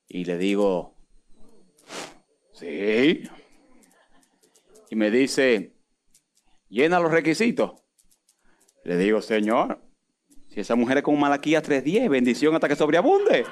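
Man preaching, high voice, animated, acts out conversations, jokes with the crowd. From Dominican Republic. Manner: animated, acts out dialogues with God and Moses, jokes with congregation. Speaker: pastor. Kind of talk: sermon.

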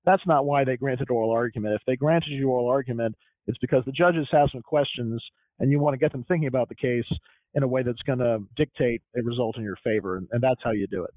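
A man who is an appellate lawyer and law teacher, explaining his points in a measured, methodical way with firm emphasis on a podcast. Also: mid-range voice, no echo. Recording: tinny phone-like audio.

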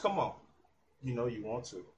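A man's voice: medium pitch, big pitch swings, moderate pace, a little mellow. A man hosting his channel, mocking and taunting someone in a profane heated argument. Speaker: channel host.

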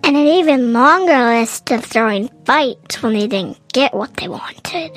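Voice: sits high, lively intonation, a little slow, fairly bright tone, soft background music. A young host narrating a scary story for kids, dramatic and dropping into whispers for the creepy parts.

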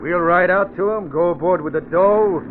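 Man acting a cocky gangster over loud noise. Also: sits high, normal speed, close to an everyday voice. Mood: gloating. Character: gloating, cocky gangster leader on the run. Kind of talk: old-time radio crime acting. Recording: narrow old radio sound, noisy engine.

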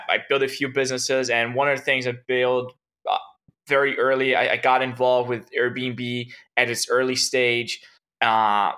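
In casual interview talk, a Brazilian tech founder rambles through his explanations, often restarting and using "like." He has a mid-range voice that sounds pushed and bright.

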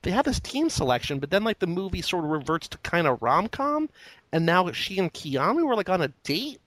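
A podcast co-host with a lively, up-and-down delivery recaps a film scene. The recording is dry and close, with no room sound at all. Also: mid-range voice, a little fast, no echo, rough recording. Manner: relaxed, lots of "like" fillers. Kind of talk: casual movie chat.

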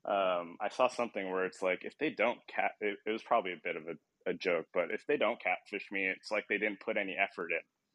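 A young man with a lowish voice talks casually as a podcast host. He rambles, pokes fun at himself and laughs a lot. The sound is close and dry, and he seems a bit worn out. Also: brisk, fairly bright tone, no room sound, highs cut off. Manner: rambling, self-deprecating, laughs often. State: tired. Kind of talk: casual chat.

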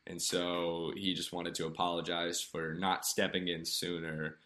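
A man telling a personal story in a candid, earnest way, halting often with fillers and restarts. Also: deep voice, completely flat delivery, pushed and bright.

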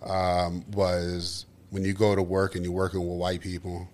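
A man's voice: sits low, monotone, a little slow, a little mellow. A man co-hosting a podcast in casual chat, teasing the others and laughing at his own jokes. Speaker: podcast co-host.

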